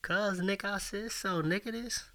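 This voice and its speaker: A man's voice: sits high, steady tone, normal speed. Pushy swearing man on a phone prank. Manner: pushy, loud, swearing, laughing. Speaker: caller in a skit. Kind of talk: profane phone prank skit.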